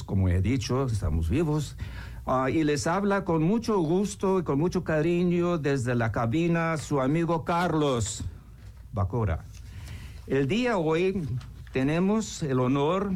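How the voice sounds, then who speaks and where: A man's voice: on the high side, darkish tone. A man hosting an informal radio interview in Spanish, rambling and often breaking off to search for words. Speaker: radio show host. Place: radio booth.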